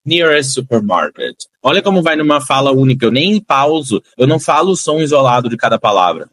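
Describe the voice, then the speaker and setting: A Brazilian man giving an English lesson at a mid pitch, repeating words and phrases slowly and carefully to model their sound. He breaks in with upbeat encouragement for his students. The recording is dry and close, with almost no room sound. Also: animated, a bit bright, no echo. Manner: encouraging, motivational asides to students. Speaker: English teacher.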